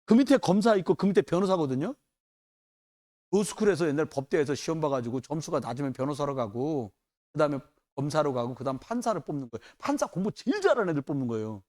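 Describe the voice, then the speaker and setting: A male pastor delivering a sermon in a church. His voice sits high and swings widely in pitch as he tells loose, chatty stories. He acts out the people he quotes. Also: quick pace. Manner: animated, colloquial storytelling with acted quotes.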